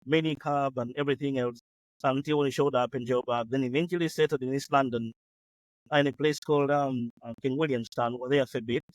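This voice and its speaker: A man's voice: mid-range voice, fairly even intonation, fairly quick, no room sound, rough recording. A man in his late forties from Uganda, a guest telling his story in an interview, hesitant with many fillers and restarts. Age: late 40s. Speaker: guest entrepreneur. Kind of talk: conversational interview.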